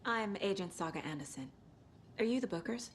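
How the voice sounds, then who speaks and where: A woman's voice: mid-range voice, lively intonation, a little fast, close to an everyday voice. A woman playing a composed, courteous federal agent in a video game. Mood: calm, professional. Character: composed, courteous female FBI agent investigator. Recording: faint background ambience noise.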